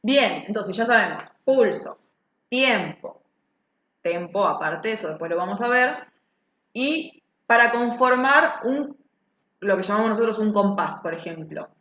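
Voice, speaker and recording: A woman's voice: medium pitch, lively intonation, unhurried, a bit bright. A woman teaching music, explaining patiently and checking the class follows. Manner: patient, explanatory, asks "¿sí?" often. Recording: echoey, dull lo-fi sound.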